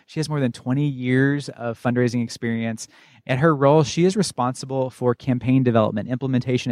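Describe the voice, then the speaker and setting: A man's voice: medium pitch, a little mellow, no room sound, studio quality. An American man co-hosting a podcast in an informal, enthusiastic and conversational way. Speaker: podcast co-host.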